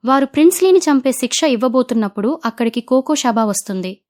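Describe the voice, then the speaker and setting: A woman's voice: high-pitched, fast talker. Woman narrating a drama recap. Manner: steady storytelling, quoting characters in her own voice. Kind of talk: retelling a drama plot.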